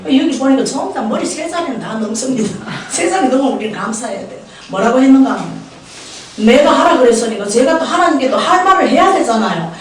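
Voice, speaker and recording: An older Gyeongsang-accented woman, a prayer house director, talks fast in a high, expressive voice while giving a funny storytelling sermon and questioning her congregation in a church sanctuary. The audio is poor, with a little hiss or hum, from a distant mic in an echoey church hall.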